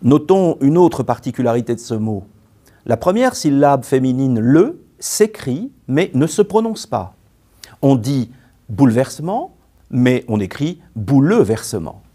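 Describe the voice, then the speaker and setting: A man narrating a scripted grammar lesson, slow and careful, spelling out syllables one by one. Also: medium pitch, sing-song, dark tone. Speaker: teacher.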